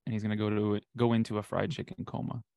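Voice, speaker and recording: A man co-hosting a casual sports podcast, dropping wry asides and quick agreements. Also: fairly low pitch, level tone, vocal fry, dark tone, dry recording. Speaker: podcast co-host.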